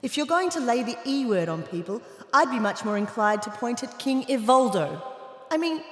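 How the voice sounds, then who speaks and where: A woman's voice: fairly high pitch, big pitch swings, moderate pace, a bit bright. An actress playing a scornful, imperious witch who scolds from inside a girl's head in a fantasy audio drama. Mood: haughty sardonic. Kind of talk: full-cast fantasy audio drama acting. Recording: roomy, long echoing reverb.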